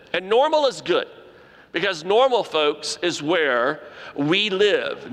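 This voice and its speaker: A man's voice: a little high, fairly bright tone. A man delivering a sermon, emphatic and repeating key phrases for stress. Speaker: preacher. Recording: reverberant hall.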